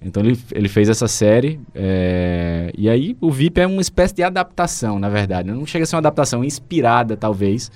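Talking fast with few pauses, this Brazilian co-host, accented in Brazilian Portuguese, recommends a series in a casual chat. His mid-range, darkish voice swings widely in pitch, yet he hesitates, restarting sentences and filling gaps, on a dry recording.

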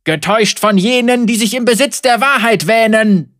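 A man voicing a young, ragged male heretic preacher who accuses and rails loudly at a crowd. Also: high-pitched, takes it slowly, vocal fry, dry recording, clean studio sound, pitched above the performer's own voice, heavily acted. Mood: fervent. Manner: impassioned, accusing, loud preaching. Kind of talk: audiobook character voice.

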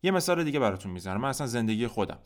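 A man teaching a podcast language lesson, explaining patiently and slowing down to spell out each example phrase. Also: medium pitch, sing-song. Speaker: French teacher. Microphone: podcast microphone.

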